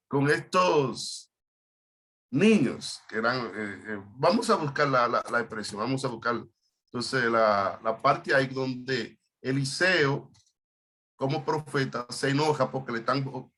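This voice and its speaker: A man's voice: mid-range voice, sharp tone. A male pastor leading an online Bible study, stopping often and repeating words as he explains Hebrew terms.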